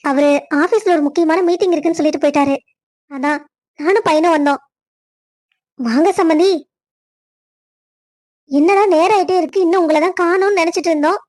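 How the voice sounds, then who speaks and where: A woman's voice: very high-pitched, fairly quick, pauses often, darkish tone. A woman voicing chatty mothers and aunts in a family cartoon, fussy and affectionate. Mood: warm. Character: chatty family women, mother and aunt figures. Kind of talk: cartoon voice acting.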